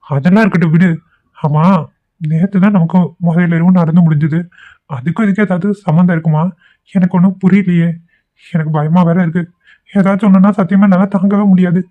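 A performer voicing a gentle, anxious young husband in a cartoon, asking questions and reassuring his wife. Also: mid-range voice, steady tone, brisk, close to an everyday voice. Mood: worried. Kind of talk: cartoon voice acting. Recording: tinny phone-like sound.

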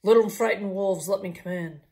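A woman voicing a big bad male pig who makes loud, blustering, menacing demands. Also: medium pitch, normal speed, lightly acted.

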